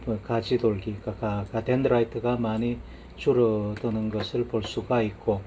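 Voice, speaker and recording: Man lecturing, mellow tone, unhurried, lots of little yeses, faint background hiss. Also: on the low side, level tone. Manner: unhurried, frequent affirming "yes" and trailing asides while pointing at slides. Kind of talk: lecture on brain science.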